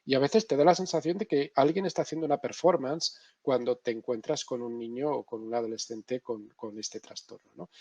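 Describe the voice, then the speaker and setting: A middle-aged man lecturing in a masterclass, animated and emphatic, often checking in with his listeners. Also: mid-range voice, breathy edge, dry recording, dull audio. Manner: animated, emphatic, tag questions. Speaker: neuropsychology lecturer.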